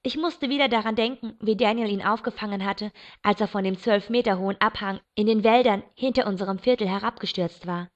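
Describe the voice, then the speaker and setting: Woman audiobook reader, expressive first-person narration, dull lo-fi recording. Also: medium pitch, brisk, few pauses. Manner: steady, expressive storytelling.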